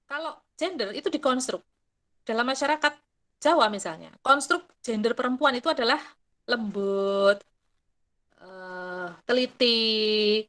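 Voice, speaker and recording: A middle-aged woman explaining ideas in casual talk, animated and mixing in quick acted quotes. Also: fairly high pitch. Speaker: guest speaker.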